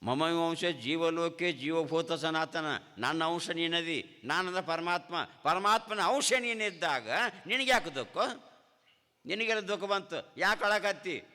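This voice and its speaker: A man's voice: high-pitched, expressive, a little slow, sharp tone. A man, a swami giving a devotional sermon with a North Karnataka Kannada accent, asking rhetorical questions and repeating key phrases. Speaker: swami giving a spiritual discourse. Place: ashram hall. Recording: reverberant hall.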